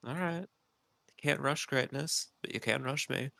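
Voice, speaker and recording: A man's voice: mid-range voice, measured pace, vocal fry, sharp tone, no echo. A man co-hosting a podcast, explaining at length in casual chat with many ums, his nose stuffy. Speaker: podcast co-host.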